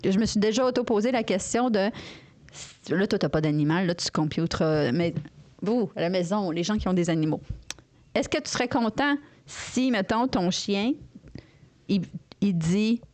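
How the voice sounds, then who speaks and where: A woman's voice: medium pitch, moderate pace, darkish tone. A woman with a Québécois French accent, co-hosting a podcast in casual, rambling, playful chat. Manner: rambling, playful, circles back on her thoughts. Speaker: podcast co-host.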